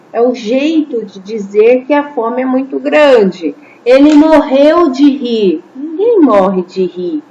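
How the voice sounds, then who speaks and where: Her pitch fairly high but her tone darkish, a woman teaches a lesson patiently, pausing to check in with her listeners. It's captured in slightly dull lo-fi audio with faint noise.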